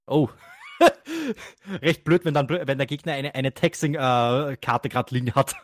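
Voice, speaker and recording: A man's voice: mid-range voice, moderate pace, no room sound, studio quality. A man chatting casually about a card game on a podcast, rambling with many restarts and fillers and laughing often. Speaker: co-host.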